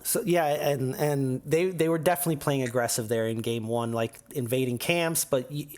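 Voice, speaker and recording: A man with a mid-pitched, everyday voice hosts a relaxed esports interview. He sounds upbeat and keeps prompting the players with questions. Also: normal speed. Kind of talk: casual post-match interview.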